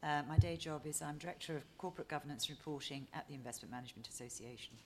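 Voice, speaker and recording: Woman, low pitch, quick delivery, formal meeting introduction. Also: a bit bright, a little hiss or hum. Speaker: meeting participant. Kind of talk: self-introduction at a round-table meeting.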